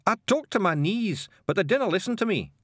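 A man voicing a bossy, irascible little bearded Scottish creature posing as a gentleman, blustering and scolding as he goes, for a storybook. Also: sits high, animated, brisk, no room sound, studio quality, pitched above the performer's own voice. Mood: halting, grandly polite.

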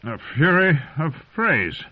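A man's voice: a little high, very animated, takes it slowly, husky, pitched above the performer's own voice, heavily acted. A man voicing a proud, sardonic captive knight with a dry manner, on a dull lo-fi recording. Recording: dull lo-fi audio.

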